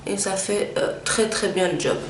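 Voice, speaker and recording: A woman's voice: mid-range voice, normal speed. A young woman casually talking through a makeup tutorial step by step, with many small hesitations. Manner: chatty, frequent hesitations, step-by-step explaining. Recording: echoey room with faint ambient noise.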